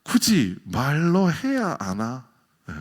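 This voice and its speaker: Animated Gyeongsang pastor preaching. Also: male voice, fairly high pitch, takes it slowly. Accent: Gyeongsang Korean. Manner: animated, swinging from loud exclamations to near whispers. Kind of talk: sermon.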